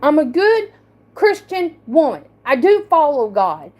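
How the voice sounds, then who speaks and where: High-pitched woman, slow halting speech. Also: big pitch swings, darkish tone. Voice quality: speech impediment. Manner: halting, repeats and restarts words, defensive. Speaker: livestreamer. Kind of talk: emotional livestream monologue.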